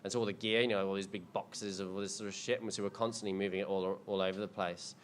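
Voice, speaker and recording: The filmmaker's voice here is deep and fairly even, moving at a quick pace as he answers questions from the audience in a casual, rambling way with ums and restarts. It's a panel Q&A at an indoor screening event; he's in his thirties, and there's slight hiss or hum.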